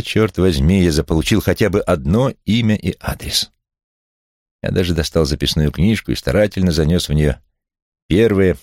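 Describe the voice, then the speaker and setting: Deep-voiced man reading an audiobook. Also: gravelly, darkish tone, no room sound, clean studio sound. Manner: wry first-person storytelling. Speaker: audiobook reader. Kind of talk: scripted audiobook narration.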